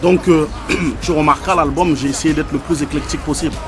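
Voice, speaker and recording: Male rapper, late 20s, Congolese French accent, slightly high voice, cocky and chatty. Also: brisk, over music. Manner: boastful, conversational, repeats words when excited. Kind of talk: casual promotional interview.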